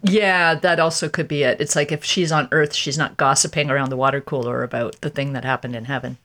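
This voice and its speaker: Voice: medium pitch, fairly even intonation, brisk, sharp tone. A podcast host in casual discussion, recapping scenes and laughing often.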